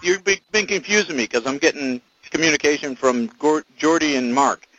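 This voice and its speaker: A man's voice: a little high, normal speed, fairly bright tone. Playful male host, muffled audio. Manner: playful, stumbling questions. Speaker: podcast host. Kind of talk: casual interview.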